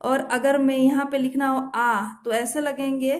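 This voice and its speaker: Slow, high-voiced woman shorthand teacher. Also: little pitch movement. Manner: slow, patient explanations with self-corrections and repeated examples. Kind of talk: step-by-step instructional lesson. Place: home.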